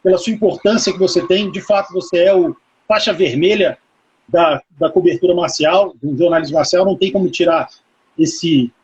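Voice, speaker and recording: A man's voice: sits high, moderate pace, husky, dull audio. A man hosting a live interview, effusively praising his guest and greeting viewers. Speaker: host.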